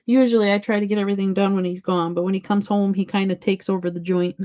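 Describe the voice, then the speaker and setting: A woman's voice: medium pitch, little pitch movement, fast talker, warm tone. A woman chatting casually to her viewers while she paints at home, rambling from one thought to the next. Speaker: saw painter streaming her work. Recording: dull lo-fi sound.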